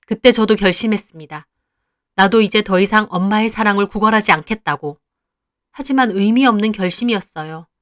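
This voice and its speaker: A woman's voice: medium pitch, fairly quick, fairly bright tone, dry recording, clean studio sound. A woman narrating a confessional first-person story of her family.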